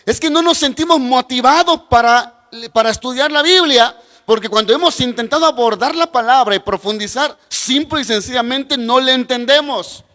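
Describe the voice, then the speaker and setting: A man's voice: extremely high pitch, normal speed, bright, forceful tone, in a large hall. A man teaching a Bible class, talking straight to his viewers with asides and personal stories.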